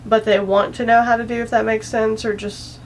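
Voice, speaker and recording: A woman's voice: fairly high pitch, level tone, a little fast, slight background noise, poor audio. A young woman chatting casually through a makeup tutorial, rambling and self-deprecating, a bit anxious and out of breath. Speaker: beauty vlogger.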